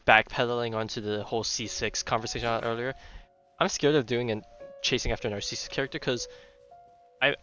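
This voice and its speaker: With a mid-range voice that sounds pushed and bright, a man streams a video game and chats casually, rambling as he thinks aloud and frequently repeating words. It's recorded on a dull lo-fi mic, with game music playing in the background.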